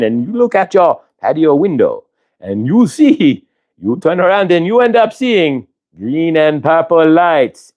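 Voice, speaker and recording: A man voices a benevolent otherworldly spirit collective in a live channeled healing session, using an affected, vaguely Indian-sounding put-on accent and drawing out emphatic words. His voice is on the high side with a darkish tone, and his mood is insistent and wondering.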